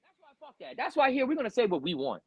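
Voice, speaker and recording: A young man hosting a podcast, telling a story in a loud, profane rant and acting out what people said. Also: very high voice, quick pace, breathy edge, highs cut off. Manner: animated, profane, loud outbursts acting out quotes. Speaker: podcast host.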